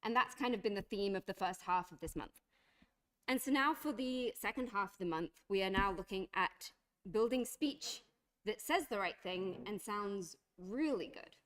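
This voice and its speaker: A woman's voice: medium pitch, animated, moderate pace, a bit bright. A woman giving a university lecture, explaining step by step with frequent fillers and restarts.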